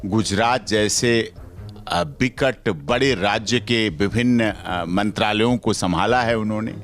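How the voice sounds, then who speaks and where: A man's voice: on the low side, slow pace, fairly bright tone, faint music behind. A middle-aged man, a senior advocate, giving emphatic commentary in a news interview with repetitive, speech-like rhetoric.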